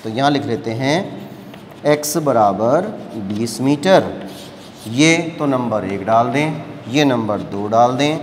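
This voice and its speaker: A man's voice: medium pitch, lively intonation, a little hiss or hum. Patient man teaching maths in an echoey room. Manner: slow, patient explaining, often checking "है ना". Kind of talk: classroom lecture at a board. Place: classroom with a board.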